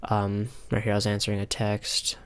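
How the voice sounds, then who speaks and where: A young man calmly talking over a replay of his own ranked match, pausing often with filler ums. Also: fairly low pitch, clean tone. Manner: halting, many filler ums, calm and analytical. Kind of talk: casual gameplay commentary. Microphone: console headset mic.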